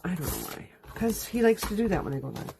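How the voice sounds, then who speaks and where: Her lowish, gravelly voice swoops wildly in pitch, and she talks fast over a very noisy background. She's a crafting host demonstrating card-making live from her craft room, chatting through each step while stuffy and sniffling from allergies. A dog can be heard dragging its bed around.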